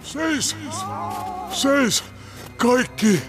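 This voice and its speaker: A man's voice: very high voice, lively intonation. A man playing an old male hare who announces, in grave tones, that he has found the meaning of life, in a radio play. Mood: commanding. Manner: commanding shouts, then grave proclamations. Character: old male hare, solemn self-made prophet. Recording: radio play with music behind.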